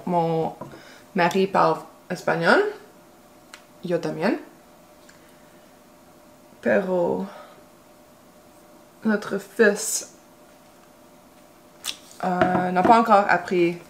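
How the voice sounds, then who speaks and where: A woman's voice: lowish voice, creaky, slight background noise. A woman from Quebec whose first language is English, chatting casually while doing her makeup. She talks in a hesitant, rambling way, full of fillers and restarts. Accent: English-speaking Quebec. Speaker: beauty vlogger.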